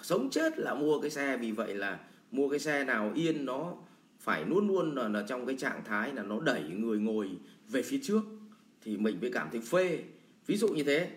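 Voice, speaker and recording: A man's voice: medium pitch, sing-song, moderate pace. A man teaching sales in a blunt, colloquial lecture full of everyday examples. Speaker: sales trainer. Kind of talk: lecture answering a viewer question. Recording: roomy echo.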